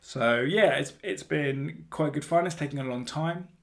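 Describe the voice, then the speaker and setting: A man hosting a hobby podcast in a casual, rambling, self-correcting way, recorded in the hallway of a flat. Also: fairly high pitch, normal speed. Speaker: podcast host.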